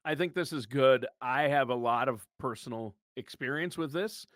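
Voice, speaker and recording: Brief: fifties male co-host, mid-pitched, dry close sound, chatty and jokey. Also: normal speed, fairly bright tone, dry recording. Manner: chatty, joking, laughs often. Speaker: podcast co-host. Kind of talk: casual podcast chat.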